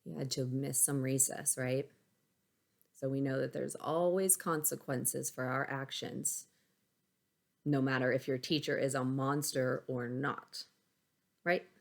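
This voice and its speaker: This woman's voice is extremely low, with vocal fry, fairly even intonation and an unhurried delivery. She's a schoolteacher reading a picture book aloud to young pupils, phrasing things simply for children and stopping to ask them checking questions.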